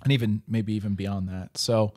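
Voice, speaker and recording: A priest co-hosting a podcast, talking through church teaching in a relaxed, joking way with frequent "right?" check-ins. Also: male voice, on the low side, normal speed. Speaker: priest co-host. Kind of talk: casual catechism discussion.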